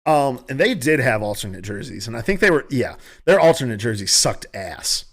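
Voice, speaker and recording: Very animated and speaking at normal speed in a mid-range voice, a Southern country-accented man hosts a podcast from home. His talk is casual and opinionated, meandering as he keeps restarting and self-correcting.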